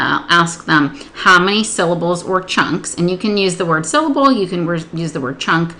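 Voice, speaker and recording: A woman literacy instructor explaining a spelling procedure step by step, patiently modeling words and sounds slowly. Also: lowish voice, bright, forceful tone, a little hiss or hum.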